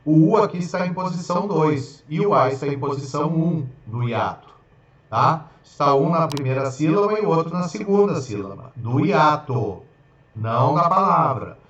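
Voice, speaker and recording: A man's voice: on the high side, lively intonation, fairly bright tone. A male Portuguese teacher giving a grammar lesson, explaining rules step by step and often checking in with "ok?" and "tá?". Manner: spells out examples slowly, syllable by syllable. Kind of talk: grammar lesson for exam students. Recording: very echoey room, dull lo-fi sound.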